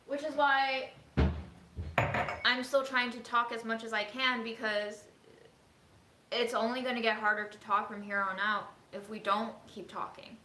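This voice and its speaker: A woman from China talks in a casual cooking vlog, earnest and outspoken, her voice a bit high and sharply bright. She speaks slowly and carefully. The home kitchen rings with echo, and a faint noise runs underneath. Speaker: cooking vlogger. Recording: echoey room with faint noise.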